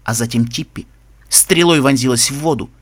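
A man's voice: mid-range voice, normal speed, slightly rough. A man narrating a fantasy story aloud, reading expressively and voicing the characters' lines. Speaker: audiobook reader.

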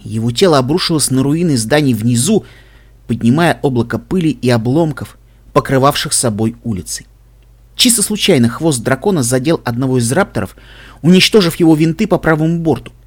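A man narrating an audiobook in an even, measured reading voice. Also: mid-range voice, breathy edge. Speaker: audiobook reader. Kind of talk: scripted narration.

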